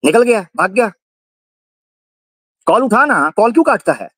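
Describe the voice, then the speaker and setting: A man's voice: high-pitched, sing-song, a little slow, pushed and bright, dry recording. A man hosting a livestream debate, taunting and repeating his jabs in a heated call-out. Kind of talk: heated live call-out on stream.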